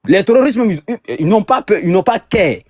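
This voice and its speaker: An Ivorian man arguing in a heated online debate, hesitant with many restarts, turning loud when pushed. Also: high voice, animated, fairly quick, breathy edge, dry recording, studio quality. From Côte d'Ivoire.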